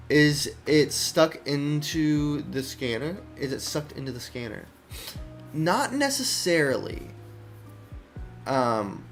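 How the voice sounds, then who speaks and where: A young man, an indie game developer, chatting casually while showing his game, rambling with many restarts and thinking aloud. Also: mid-range voice. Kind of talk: casual dev stream chat.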